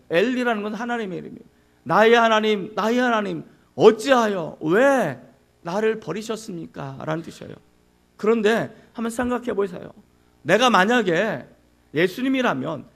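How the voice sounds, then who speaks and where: A man's voice: high voice, creaky, a bit bright. A male pastor preaching a sermon, who asks the congregation questions and acts out anguished cries.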